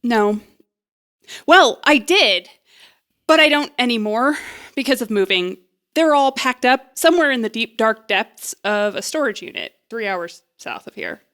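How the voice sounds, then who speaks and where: A young woman eagerly bluffs her way through an audio drama scene in naturalistic style, her high voice swinging with lots of expression. Flustered and hesitant, she rambles nervously yet stays animated and unhurried, with a fairly bright tone.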